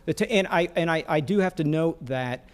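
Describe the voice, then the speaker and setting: A man's voice: fairly high pitch, brisk. Male city staffer explaining figures. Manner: explanatory, hedging, with fillers. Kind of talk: answering questions at a council meeting. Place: city council chamber.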